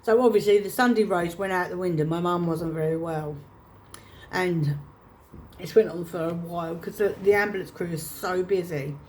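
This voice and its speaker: A woman telling a painful personal story to camera, halting and restarting her phrases as she holds back emotion. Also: on the low side, darkish tone, a little hiss or hum. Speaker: vlogger.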